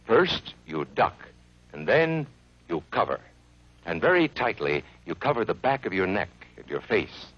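An American man narrating a grave civil defense film from the 1950s in a measured, instructive way, as if addressing children. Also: deep voice, big pitch swings. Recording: dull vintage film soundtrack.

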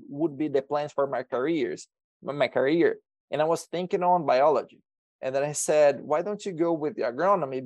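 Halting Brazilian man, dry close sound. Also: a little high, darkish tone, no echo. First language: Portuguese. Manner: halting, many restarts and repeated words. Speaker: extension educator guest. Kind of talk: podcast interview.

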